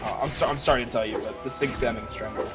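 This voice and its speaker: A man's voice: medium pitch, steady tone, rapid-fire. A man doing live play-by-play as a fighting game announcer, chatty and analytical, in short stop-and-start phrases. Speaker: esports match commentator. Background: music playing behind the voice.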